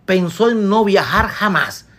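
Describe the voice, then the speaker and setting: A woman's voice: mid-range voice, expressive, measured pace, fairly bright tone. A woman narrating a comic tale in rhymed verse with a wry, playful delivery. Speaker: storyteller.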